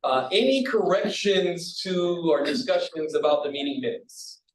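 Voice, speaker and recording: A man's voice: fairly high pitch, a little slow. Man chairing a meeting in an echoey room. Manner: relaxed, joking asides. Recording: echoey room from far off, faint hiss.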